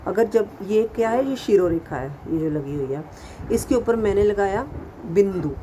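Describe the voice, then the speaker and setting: A woman's voice: mid-range voice, expressive, normal speed, dark tone, slight background noise, low-quality recording. A woman teaching a Hindi lesson to young children, patiently repeating sounds and asking questions. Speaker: primary school Hindi teacher. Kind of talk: slow classroom lesson addressing children.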